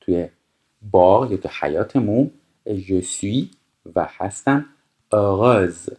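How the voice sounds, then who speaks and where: A man with a very deep voice teaches a French lesson from a textbook. His first language is Persian. He reads each phrase slowly and deliberately, then explains it at a quick conversational pace. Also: lively intonation, darkish tone.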